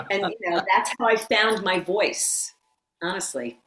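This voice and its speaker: A middle-aged woman, a yoga teacher and former occupational therapist, telling her story as a guest in a casual interview, animated and quick to laugh. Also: medium pitch, slight background noise. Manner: animated storyteller who acts out quotes and laughs often. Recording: roomy echo.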